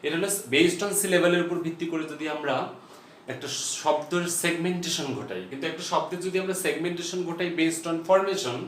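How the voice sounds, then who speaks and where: A man's voice: a little high, recorded from a distance, a little hiss or hum. Man teaching grammar in an echoey room. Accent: Bangladeshi. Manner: explains step by step, repeats points, slows down and spells out words. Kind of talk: classroom lecture.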